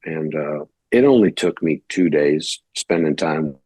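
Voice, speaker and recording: Speaking at a measured pace, a Detroit pastor with a very deep, husky voice recounts his life in a relaxed, rambling interview, performing the dialogue of others as he quotes them. The recording is dry and close, with no room sound.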